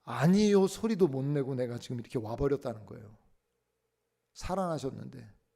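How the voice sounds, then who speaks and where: A male pastor preaching a sermon, telling a story that swings between hushed tones and loud outbursts. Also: medium pitch, animated, fairly quick, vocal fry, breathy edge. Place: church sanctuary.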